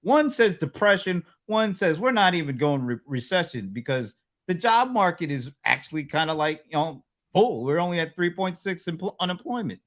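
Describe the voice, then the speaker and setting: Animated male co-host. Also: high voice, moderate pace, few pauses. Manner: animated, joking, talks through numbers with asides. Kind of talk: casual business chat.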